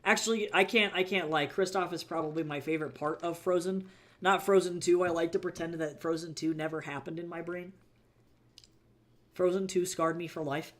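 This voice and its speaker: An indie fantasy author chats casually between reading passages on a live stream. Their speech rambles along, full of fillers and quick laughs, in an ordinary middle-pitched voice on a streaming mic. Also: fairly even intonation, fairly bright tone.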